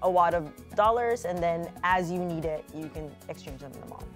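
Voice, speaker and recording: A young adult woman from the Philippines, with a Filipino accent, co-hosts a casual travel chat on an indoor studio set with a sofa. Her voice is lowish and a little fast, and she's chatty, saying "like" a lot, with soft music in the background.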